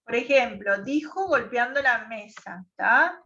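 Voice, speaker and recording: High-pitched teacher lady, talks slow and patient, muffled lo-fi sound from a bit far off. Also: animated, pushed and bright. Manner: patient, explains with questions and tag words. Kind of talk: online class lesson.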